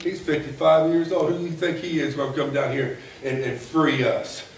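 On the high side and at a moderate pace, a pastor in his 40s preaches in a folksy, lively manner that rises to a shout. He stands at a church pulpit, recorded by a far-off camera at the back, giving an echoey, slightly hissy sound.

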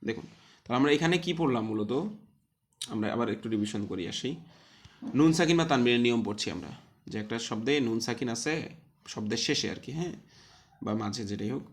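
Man teaching Quran recitation rules. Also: medium pitch. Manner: explains step by step, asks and answers his own questions; spells out letters, then recites words slowly and drawn out. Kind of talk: online tajweed lesson.

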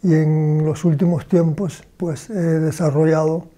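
This is a Cuban philosophy professor in his later years, being interviewed among bookshelves in a small room. His fairly high voice carries a dark, level tone as he talks slowly and carefully, stopping often while he hunts for words.

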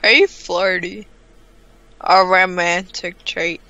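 A woman chatting casually while playing a life-sim game, bossing her character around and thinking out loud. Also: fairly low pitch, fairly even intonation, slow, no room sound. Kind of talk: casual gameplay chat. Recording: slightly dull sound with faint music.

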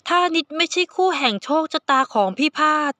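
A woman voicing a cheerful, stubborn young man in an audiobook romance, speaking in a high, pleading, childlike voice. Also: lively intonation, fairly quick, sharp tone, no room sound. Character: cheerful stubborn young male omega, cat-like.

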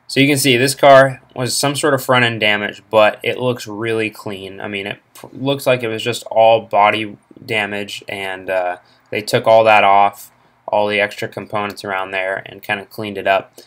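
Young guy, lowish voice, rambly casual car vlog talk, laptop mic at home. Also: normal speed. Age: young adult. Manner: relaxed, rambling, lots of fillers. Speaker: car vlogger. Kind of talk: casual screen-recorded commentary. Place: home room, indoors. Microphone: laptop internal mic.

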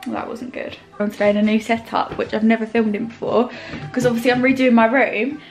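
A woman's voice: fairly high pitch, steady tone, a little fast, a little mellow, faint music behind, low-quality recording. A young woman chatting casually to camera in a vlog, rambling with lots of fillers. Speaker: vlogger.

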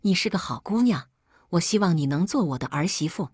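A woman's voice: on the low side, expressive, fairly quick, darkish tone, husky, no room sound, clean studio sound. A woman voicing a kind, protective older mother in a read-aloud story.

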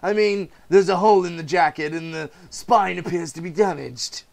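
Man playing a gloating, high-pitched Joker. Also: normal speed, vocal fry, a little mellow. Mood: gleeful, mocking. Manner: mocking, showy, mock-polite. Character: gloating, theatrical male supervillain clown, cruelly jovial. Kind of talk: dramatic comic-book reading.

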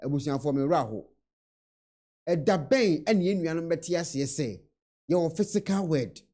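A man's voice: a little high, lively intonation, normal speed, warm tone. A young Ghanaian man in a small room, earnestly commenting on a video into a webcam and mixing in English words. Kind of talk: reaction commentary.

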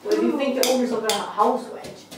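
Young woman as a nagging young male villain, fan cosplay skit, fairly high voice, distant, noisy room. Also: fairly even intonation, fairly quick, natural voice. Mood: exasperated. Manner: bossy, exasperated, nagging. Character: bossy, fussy young male masked villain. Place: home kitchen, indoors. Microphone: far camera. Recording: roomy kitchen, far camera, noisy.

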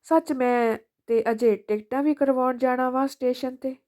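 A woman's voice: high-pitched, steady tone, normal speed, dark tone, close to an everyday voice. A woman voicing a grown son who is short-tempered and scolds his mother, in a storybook reading. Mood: curt.

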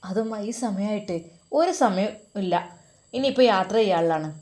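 A woman voicing a gentle young wife who speaks softly and sadly about leaving her mother. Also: mid-range voice, a little fast, lightly acted.

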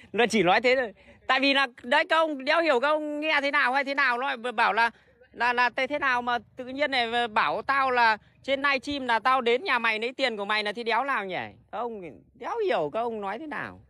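A man rattles through a casual livestream in a high, bright, sharp voice. He is blunt and swears freely, doubling back and restarting his sentences as he goes. The sound is dry, with no room echo. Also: brisk. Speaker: livestream host selling plants.

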